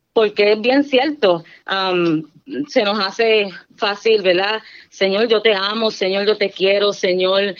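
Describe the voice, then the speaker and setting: Earnest woman giving church testimony. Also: mid-range voice. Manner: earnest, fervent, often adding "¿verdad?". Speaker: testimony speaker. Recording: dull lo-fi recording.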